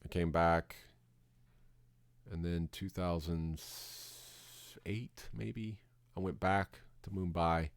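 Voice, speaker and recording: A middle-aged man from Florida talks loosely over a game stream, stopping and restarting his thoughts as he goes. His voice sits very low, and the sound is dry and close. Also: flat delivery, takes it slowly, long pauses, no room sound. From Florida, USA. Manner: rambling, with many restarts and fillers. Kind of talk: casual chat while gaming.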